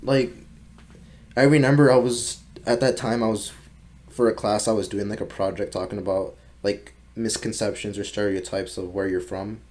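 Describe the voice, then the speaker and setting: A man's voice: lowish voice, fairly even intonation, normal speed, a little mellow. A young man from Mexico, a podcast guest talking casually, swearing often and filling with "like". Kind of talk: casual conversation.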